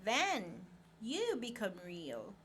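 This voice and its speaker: A woman voicing a wise, kindly old toy horse in a bedtime story, speaking slowly and gently. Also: a little high, wildly swooping pitch, a little hiss or hum, full character voice. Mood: tender, wise.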